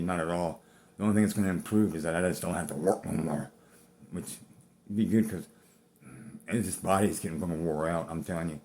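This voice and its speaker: A very low-pitched man in his fifties speaks short of breath. He talks bluntly and rambles, swearing freely as he tells his own story to camera. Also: darkish tone, a little hiss or hum. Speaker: vlogger. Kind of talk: personal talk to camera.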